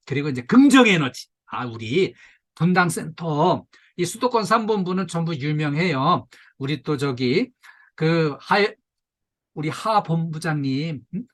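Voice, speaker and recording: An older man giving a workplace safety lecture to staff, lively and coaxing, now and then mimicking nagging voices and leading the room through stretches. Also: on the high side. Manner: leads audience through stretches. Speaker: safety instructor.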